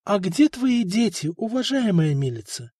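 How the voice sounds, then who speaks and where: A smooth, icy eunuch envoy who talks down with quiet scorn, as a man puts him on in a storybook reading. The voice sits a little high and sounds close and dry. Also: very animated, moderate pace, no room sound, heavily acted. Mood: coaxing.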